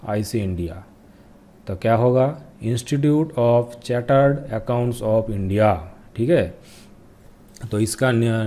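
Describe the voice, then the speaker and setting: A young man teaching an exam-prep quiz lesson, repeating each answer and pressing viewers to comment quickly. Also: medium pitch, dark tone. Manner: reads English questions out slowly. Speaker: current affairs teacher.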